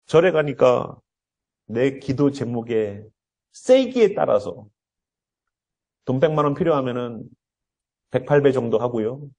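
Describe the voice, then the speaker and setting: A man's voice: mid-range voice, animated, a little slow, long pauses, warm tone, lo-fi sound. A male pastor preaching an earnest sermon, often acting out the voices he quotes.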